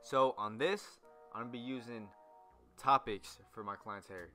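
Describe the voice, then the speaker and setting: A man's voice: mid-range voice, a little slow, pushed and bright, faint music behind. A young man, a barber, talking loosely through a haircut tutorial with lots of ums and restarts. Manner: loose, rambling, many fillers. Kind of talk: casual voice-over tutorial.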